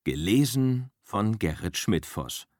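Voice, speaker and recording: Lively male audiobook narrator. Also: on the low side, takes it slowly, no echo, clean studio sound. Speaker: audiobook reader. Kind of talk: scripted narration.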